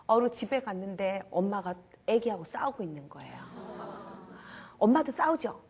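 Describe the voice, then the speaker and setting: A woman's voice: mid-range voice, big pitch swings, moderate pace, a little mellow, a little hiss or hum. Woman lecturer leading audience call-and-response. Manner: drops to a whisper for emphasis. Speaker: character education lecturer.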